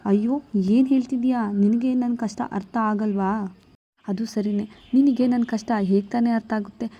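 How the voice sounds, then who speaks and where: Whiny lovesick young guy, woman voicing him, mellow low tone. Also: fairly even intonation, moderate pace, highs cut off, natural voice. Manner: whiny, pleading.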